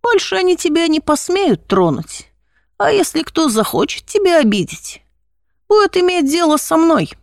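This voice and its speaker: A woman's voice: very high voice, very animated, normal speed, gravelly, dry recording, studio quality, pitched above the performer's own voice, full character voice. A woman voicing a tall, broad-shouldered male seminarian who is confident, friendly and reassuring.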